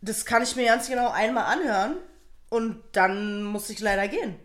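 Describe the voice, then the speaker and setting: A woman's voice: a little high, moderate pace, slight background noise. A woman from Germany in casual chat as a podcast co-host, blunt and crude, swearing freely.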